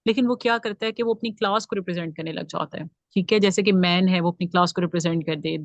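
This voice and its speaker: A woman's voice: lowish voice, fairly even intonation, fast talker, dry recording, muffled recording. Woman teaching grammar, dry close sound. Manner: explains patiently, checks in with "theek hai" often. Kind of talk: classroom grammar lecture.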